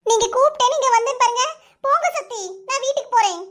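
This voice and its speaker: A young cartoon sweetheart with a piping, almost childlike voice. She speaks with a Kanyakumari Tamil accent, whining and shrill, easily wounded and close to tears. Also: fast talker, fairly bright tone. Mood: indignant. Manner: shrill and whiny, stammers when upset. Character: young woman lover, squeaky, touchy and tearful. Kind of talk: cartoon voice acting.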